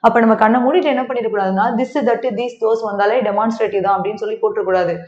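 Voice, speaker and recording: A woman's voice: medium pitch, fast talker, a little mellow, dull audio. Tamil-accented woman teaching grammar, echoey. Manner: mixes Tamil and English, keeps asking the class to check understanding. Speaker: English teacher. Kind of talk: exam-prep grammar lesson.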